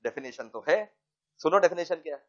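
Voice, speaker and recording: A male teacher giving an animated classroom lecture, firing questions at students and mixing in English phrases. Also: on the high side, fairly quick. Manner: mixes English phrases into speech. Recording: dull lo-fi recording.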